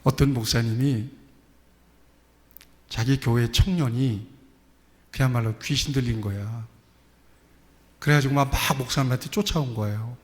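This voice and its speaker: Pastor preaching in a reverberant hall. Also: male voice, mid-range voice, a little slow, long pauses. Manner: animated storytelling, acting out quoted voices. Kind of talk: sermon. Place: church sanctuary.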